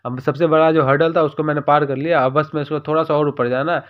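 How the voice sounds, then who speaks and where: A man narrating a story recap in a rapid, informal retelling. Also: on the high side, steady tone, dull audio.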